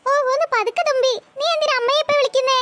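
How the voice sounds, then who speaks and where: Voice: steady tone, rapid-fire. A performer voicing a bossy, dismissive older sister in a cartoon. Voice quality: very high-pitched. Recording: loud background hiss.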